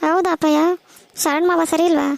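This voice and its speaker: Woman playing a crying cartoon teen girl, very high and narrow-pitched, fast, gravelly, pleading. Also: fairly even intonation, no echo. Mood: tearful. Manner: pleading, worried questions. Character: tearful teenage village daughter, anxious and pleading. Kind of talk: cartoon voice acting.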